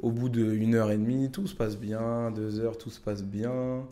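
A man's voice: lowish voice, fairly even intonation, measured pace, dark tone. Chatty young man telling travel stories. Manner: chatty, many fillers, addresses viewers directly. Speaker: YouTuber telling travel anecdotes. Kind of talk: casual storytelling to camera.

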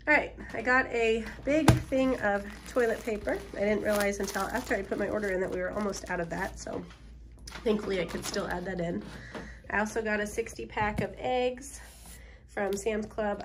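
Filming indoors in a farmhouse kitchen with her phone at arm's length, a woman in her thirties shows off her grocery haul in a mid-range voice, with slight background noise. She's recovering from a cold, so she sounds strained, but she stays chatty, homey and upbeat, filling gaps with plenty of ums.

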